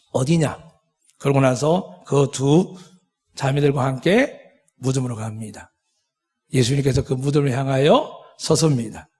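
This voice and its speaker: A pastor preaching a sermon, with dramatic voiced quotes and many rhetorical questions. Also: male voice, on the high side, husky, big-room sound. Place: church sanctuary.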